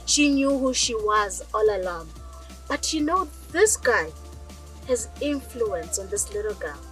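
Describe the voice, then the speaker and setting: A woman's voice: medium pitch, animated, unhurried, a bit bright, soft background music, low-quality recording. A young South African woman, a native Northern Sotho speaker, talking straight to her viewers as a storyteller and asking them questions as she goes. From rural South Africa. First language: Northern Sotho (Lobedu). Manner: chatty, addresses viewers directly with rhetorical questions. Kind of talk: direct-to-camera personal vlog.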